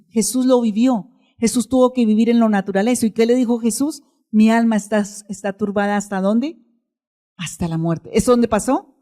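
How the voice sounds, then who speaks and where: A middle-aged woman, preaching to a congregation. Her voice is mellow and warm, and her pitch sits in a medium range. She keeps asking questions and then answers them herself. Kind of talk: sermon.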